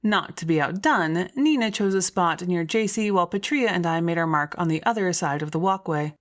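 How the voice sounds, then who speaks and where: A woman's voice: on the low side, fairly quick. A woman reading scripted first-person story narration as an audiobook narrator.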